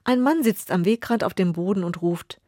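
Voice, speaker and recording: A woman reading a children's story aloud as scripted radio narration, expressive. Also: medium pitch, moderate pace, no room sound, clean studio sound.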